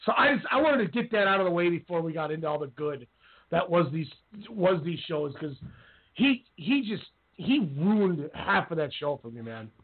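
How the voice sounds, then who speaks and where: A man's voice: on the high side, sing-song, moderate pace. A man co-hosting a wrestling podcast, ranting in heated casual talk. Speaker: podcast co-host. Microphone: call-in radio line. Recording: tinny phone-line audio.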